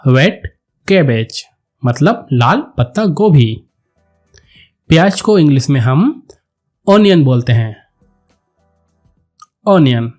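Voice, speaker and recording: Male teacher, higher-pitched voice, very slow and deliberate word drills, faint music underneath. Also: sing-song, darkish tone. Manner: repeats each word slowly and deliberately. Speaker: English teacher. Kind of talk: slow vocabulary lesson.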